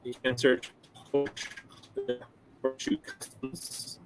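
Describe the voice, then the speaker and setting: A man's voice: mid-range voice, wildly swooping pitch, slow pace, music in the background, low-quality recording. A man hosting a casual podcast livestream, his voice choppy and breaking up over a bad online call, talking in an easygoing, rambling way. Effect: choppy, breaking-up internet connection. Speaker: podcast host.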